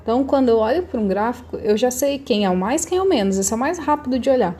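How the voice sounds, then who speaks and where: A woman's voice: on the high side, expressive, fast talker, dark tone. A Brazilian woman teacher recording a lesson that corrects homework, explaining patiently step by step with rhetorical questions. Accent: Brazilian Portuguese.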